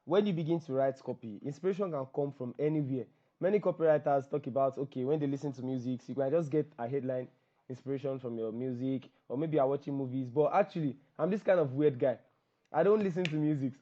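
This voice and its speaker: A man answering questions in an online copywriting class, talking fast and repeating phrases, over a video call. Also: medium pitch, mellow, highs cut off. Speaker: guest copywriting teacher.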